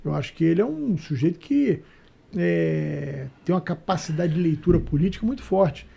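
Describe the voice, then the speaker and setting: Gravelly-voiced Brazilian man debating. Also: on the high side, animated, normal speed, dark tone, lo-fi sound. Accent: Brazilian Portuguese. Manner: sarcastic, mocking voices of others. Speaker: panelist. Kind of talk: political debate talk.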